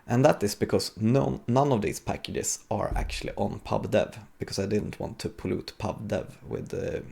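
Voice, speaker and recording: Pitched fairly low, this man speaks at a moderate pace with vocal fry and a warm tone. He's a software developer doing an informal live coding demo at a conference, reasoning out loud and pausing with some hesitation as the technical talk unfolds.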